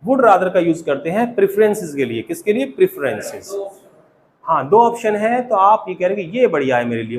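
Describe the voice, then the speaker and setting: A man's voice: high-pitched, a little hiss or hum, rough recording. A man teaching spoken grammar in a classroom, often asking the class questions and repeating key words. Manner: quizzing students with repeated questions.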